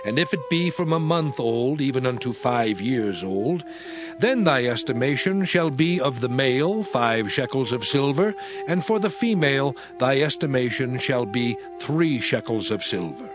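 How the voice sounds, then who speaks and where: A man playing God as a solemn, stern deity, declaiming in measured archaic English in a dramatized scripture reading. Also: mid-range voice, lively intonation, music in the background, close to an everyday voice. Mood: solemn, instructing.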